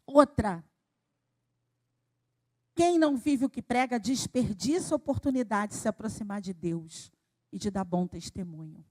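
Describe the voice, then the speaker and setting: A woman from Brazil preaching a sermon at a church service, talking in an animated way that swells to emphasis and then drops low. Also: measured pace, long pauses. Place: church sanctuary.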